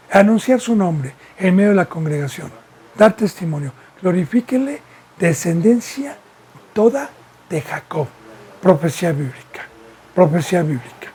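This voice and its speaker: Husky high-voiced preacher. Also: male voice, dark tone. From Mexico. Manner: preaching with repeated rhetorical questions. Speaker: pastor. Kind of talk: sermon teaching.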